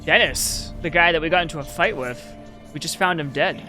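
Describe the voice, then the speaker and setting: A man's voice: a little high, brisk, sharp tone, faint music behind. A man casually commenting while streaming a game, joking and swearing in reaction.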